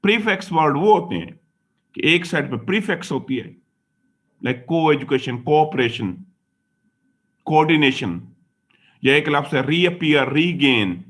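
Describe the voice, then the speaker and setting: A man's voice: a little high, lively intonation, slow, long pauses, a bit bright. A man teaching English grammar in a classroom lecture, explaining patiently and repeating his points as he addresses his students. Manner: mixes Hindi and English mid-sentence.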